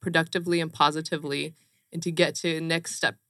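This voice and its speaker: A woman's voice: low voice, level tone, fairly quick, bright, forceful tone, no echo, studio quality. A woman from Romania, a company co-founder, speaking earnestly and emphatically as an interview guest. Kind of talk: casual interview chat.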